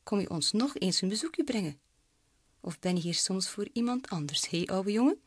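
A woman's voice: mid-range voice, lively intonation, normal speed, husky. Woman doing a hearty old uncle bat. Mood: teasing.

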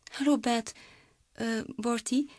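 A woman's voice: fairly high pitch, steady tone, slow, darkish tone, no room sound, clean studio sound, voice pushed up. A woman reading aloud and voicing a bold, reckless young female bat in a storybook. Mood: cheerful.

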